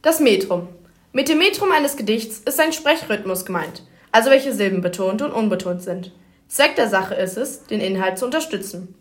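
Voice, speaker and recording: A woman's voice: medium pitch, expressive, moderate pace. Woman explaining a lesson with examples. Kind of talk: scripted educational narration.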